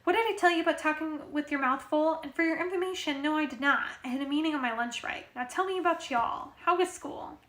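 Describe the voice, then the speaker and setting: A woman's voice: high voice, fairly quick, hardly any pauses, fairly bright tone, pitched above the performer's own voice. A woman reading aloud and voicing a caring, firm working mother at a clinic, affectionate but scolding. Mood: warm. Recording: roomy echo.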